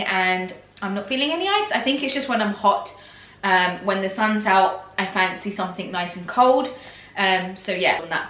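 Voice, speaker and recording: A woman's voice: medium pitch, a bit bright, roomy sound, poor audio. A young woman chatting casually to camera in a pregnancy vlog, rambling with fillers and small laughs. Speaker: pregnancy vlogger.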